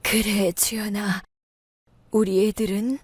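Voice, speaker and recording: A woman's voice: mid-range voice, flat delivery, slow pace, slightly rough, no echo, studio quality. A woman voicing a frail, dying old mother-in-law who speaks weakly and partly in a whisper, in a storybook radio tale.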